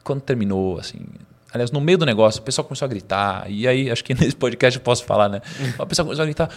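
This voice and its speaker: A man, a podcast guest telling a story in a lively, slangy way with laughs. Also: medium pitch, fast talker. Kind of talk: casual storytelling interview.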